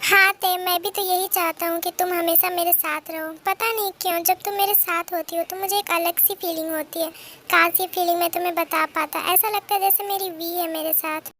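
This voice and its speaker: A woman's voice: extremely high pitch, fairly even intonation, normal speed, pushed and bright, a little hiss or hum. A woman voicing a protective, jealous young man in a fan-dub love story, pleading and scolding. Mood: wistful.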